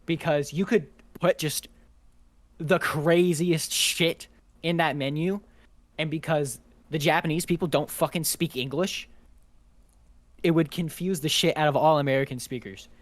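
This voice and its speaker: A man's voice: fairly high pitch, steady tone, measured pace, no room sound. A man co-hosting a podcast in casual chat, who laughs often and swears casually. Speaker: podcast co-host.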